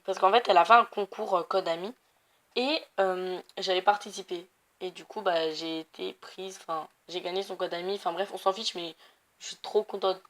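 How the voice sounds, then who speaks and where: Here a young gaming YouTuber with Portuguese family roots gives casual gameplay commentary, wandering off with plenty of fillers and corrections of herself. Her voice is lowish and a bit bright, with fairly even intonation at a normal speed.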